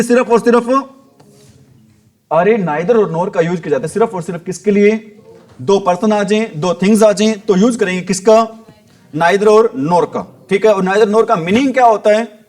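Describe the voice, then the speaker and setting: A man's voice: sits high, a little mellow. An Indian man teaching a grammar class, asking each question and answering it himself, drilling points again and again. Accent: Hindi-accented English words.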